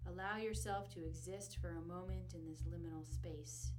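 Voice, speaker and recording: A woman narrating a guided meditation in a soft, slow, soothing way. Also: on the low side, fairly even intonation, loud music behind the voice.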